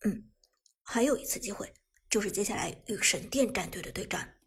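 A woman voicing a calm, composed young man who speaks softly and in a measured way. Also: slightly rough. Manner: soft, measured, low.

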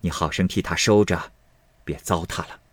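A man voicing a worried noble mother of nearly fifty in a storybook reading, speaking low and gravely. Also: steady tone, moderate pace, dry recording. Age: 40s.

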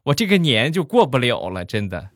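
A man telling funny everyday stories in a chatty, punchline-driven way. His delivery is lively, with pitch that rises and falls a lot. The sound is dry and close to the mic. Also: a little fast, no echo. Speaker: comedy storyteller. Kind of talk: telling comic anecdotes.

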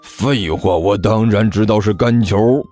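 A male narrator voicing a grumpy, gruff older master swindler who scolds his apprentice in an audiobook story. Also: sits low, expressive, measured pace, darkish tone, soft background music, voice pushed down. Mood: irritable.

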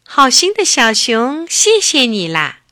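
A woman playing a tiny storybook bird, high and bright, with a lively lilt. It chirps and pleads in a thin little voice. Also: takes it slowly, heavily acted. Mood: pleading. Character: small tired thirsty bird.

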